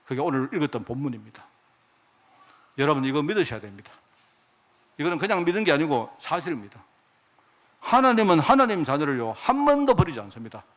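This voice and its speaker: Lively pastor, animated sermon. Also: male voice, a little high, fairly quick, long pauses. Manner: lively, conversational preaching with rhetorical questions to the congregation; acts out God's and others' speech in quoted lines.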